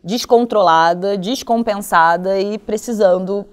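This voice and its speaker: A woman's voice: medium pitch, a little slow. A woman with a Brazilian Portuguese accent co-hosting a podcast, narrating an opening and then talking candidly in a reflective, confessional way. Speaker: podcast co-host.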